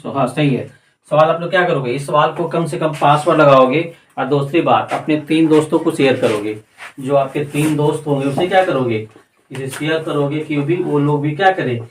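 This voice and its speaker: A man's voice: fairly high pitch, echoey room, far from the mic, poor audio. A man teaching a math lesson step by step, counting aloud and answering his own questions as he works.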